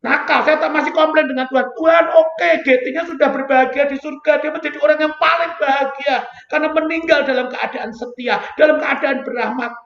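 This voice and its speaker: A man preaching at an online retreat, animated and constantly asking the listeners for confirmation. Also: very high-pitched, a little fast, vocal fry, hardly any pauses, echoey room, dull audio. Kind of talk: sermon to an online prayer group.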